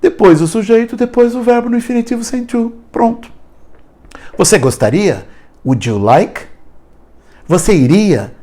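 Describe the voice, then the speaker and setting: Brief: Brazilian male English teacher, warm mellow tone, lively and drilling phrases slowly. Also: high-pitched. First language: Portuguese. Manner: animated, drills slow example phrases, laughs while teaching. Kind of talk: online English lesson.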